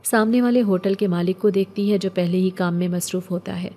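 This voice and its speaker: A woman narrating a scripted story in a steady, measured way. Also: lowish voice.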